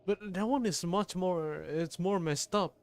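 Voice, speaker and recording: A man with a high voice streams a game at an unhurried pace, reacting casually. His comments are profane and rambling, with stammering, stop-start restarts.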